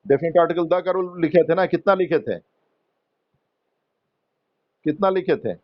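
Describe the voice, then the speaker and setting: The muffled recording captures a high-leaning male voice with an Indian accent teaching English grammar to a class. He patiently draws answers out of students, explaining rules in Hindi with English terms mixed in.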